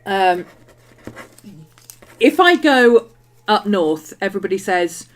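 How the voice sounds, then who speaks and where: At a medium pitch, expressive and unhurried, a middle-aged woman with a mixed West Country and Manchester English accent chats while crafting. She's a journaling streamer from England's West Country, bubbly and casual, with lots of ums and laughs over faint background music.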